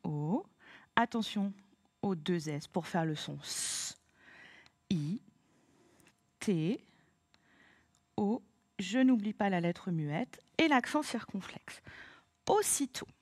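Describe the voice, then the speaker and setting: A woman teacher leading a child through a slow, patient spelling lesson, spelling words letter by letter. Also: medium pitch, animated, darkish tone, no room sound.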